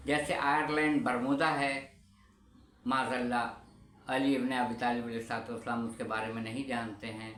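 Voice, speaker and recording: A man giving a religious lecture in a measured, explanatory way, pausing on key terms. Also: a little high, a bit bright, a little hiss or hum. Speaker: religious speaker. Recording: echoey room with faint ambience.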